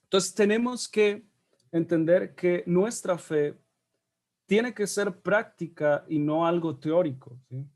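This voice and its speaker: Slow and on the darker side, yet pitched high, a man guides a Bible study session in a relaxed, chatty manner. Tag questions come up often as he checks in with those listening.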